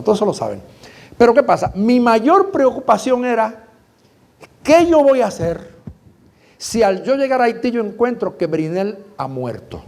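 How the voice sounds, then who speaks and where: A man's voice: sits high, darkish tone. A middle-aged man, a pastor, telling an emotional testimony in a sermon and addressing his congregation directly.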